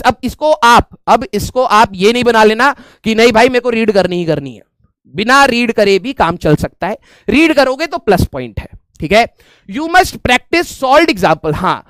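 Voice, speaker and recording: High-voiced joking Indian physics teacher. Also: male voice, a bit bright, smooth, dry recording. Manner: chatty and joking, checks in with students often. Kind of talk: online class lecture in mixed Hindi and English.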